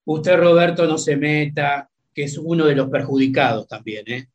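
A man's voice: on the high side, steady tone, moderate pace. A man playing a lawyer in a comic sketch, speaking in a formal, firm and official way.

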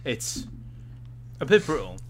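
A man's voice: medium pitch, big pitch swings, takes it slowly, slight background noise. Casual male podcast co-host. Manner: laughs often, trails off, swears. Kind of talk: casual chat.

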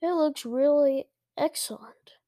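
A woman's voice: high-pitched, takes it slowly, dark tone, no room sound, studio quality, pitched above the performer's own voice. A woman voicing an eager, pushy young boy in a storybook reading, pleading and insistent.

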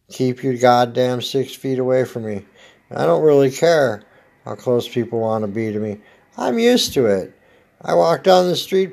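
Hosting a podcast, a fifties-aged American from Oregon rambles through a casual comedic monologue in a dry, relaxed style. His mid-range voice has a darkish tone and a gravelly smoker's rasp.

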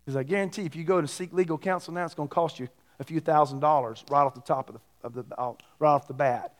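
Emphatic middle-aged male preacher, higher-pitched voice. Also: fast. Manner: emphatic preaching with rhetorical questions, swinging from loud to hushed. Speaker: pastor. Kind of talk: sermon to a congregation.

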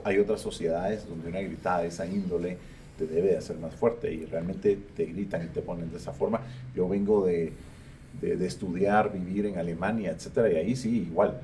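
Guy hosting a podcast, low mellow voice, blunt, sounds a bit far from the mic with faint noise. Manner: blunt, opinionated. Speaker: podcast host. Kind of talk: casual interview.

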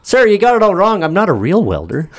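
A man's voice: sits high, huge pitch swings, a little fast, pitched above the performer's own voice, full character voice. A man voicing a nervous young boy who stammers and gets flustered in a told joke.

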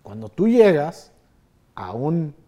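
Mexican man, podcast host, slightly higher voice, easygoing and chatty. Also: very animated, takes it slowly, dark tone. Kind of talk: casual podcast chat.

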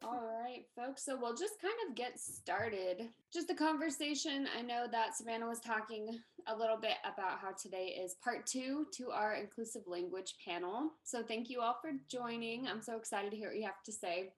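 A woman's voice: a little high, normal speed, hardly any pauses. A woman who works as a music therapist, casually leading a group discussion in a friendly, informal, reassuring way. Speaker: music therapist and panel moderator.

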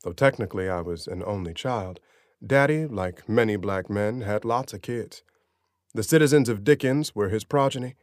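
A man's voice: lowish voice, moderate pace, no room sound. A man reading a story aloud in a dry, sardonic narrating style. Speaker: audiobook narrator. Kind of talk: scripted narration.

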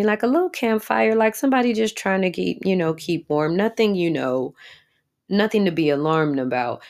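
A woman with a notably low voice, running through a TV episode in a loose, chatty monologue. She swears freely and keeps turning to her audience directly as she tells it. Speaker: TV episode recapper. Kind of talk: casual recap monologue.

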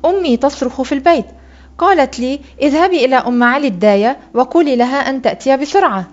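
Little girl voiced by a woman, plain and matter-of-fact, higher voice, dull lo-fi sound. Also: fast talker, darkish tone, lightly acted. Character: little girl, calm and simple-spoken.

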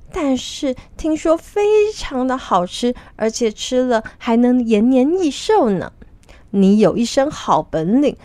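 A greedy, pleading pig demon from a children's storybook, as a woman puts him on, coaxing in a fluttering, lively voice that swoops up and down. His tone stays high and wheedling, and the sound is close and dry. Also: no room sound.

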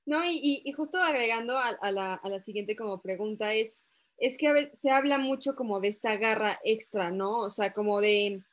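A woman's voice: a little high, moderate pace. A woman moderating a panel discussion, circling her questions with many fillers. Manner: hesitant, lots of fillers.

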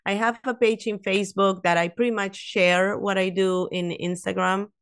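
In a casual interview on a podcast, a woman in her 50s who is not a native English speaker tells lively stories, restarting often, adding asides, and dropping "you know" frequently. Her voice is medium-pitched with a clean tone, delivered at a moderate pace.

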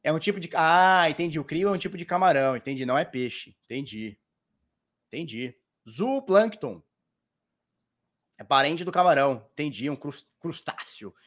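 With a slightly high voice and lively intonation, a Santos, Brazil native talks crypto markets at a normal pace, pausing often. He teases and mocks the viewer throughout, pointing things out with a constant "ó."

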